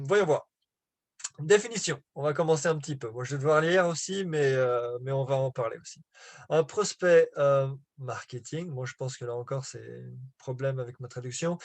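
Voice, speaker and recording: A man's voice: medium pitch, dry recording. A man giving a live online business lesson in French, hesitant with many fillers and restarts, apologizing for his rusty French. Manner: apologetic about his French, laughs at himself. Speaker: business coach presenting slides.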